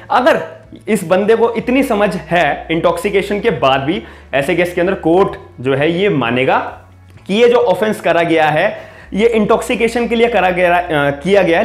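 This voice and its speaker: A man teaching a law lesson in a conversational way, often restating his points and mixing in legal terms. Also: high voice. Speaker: law tutor. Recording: echoey room with faint music.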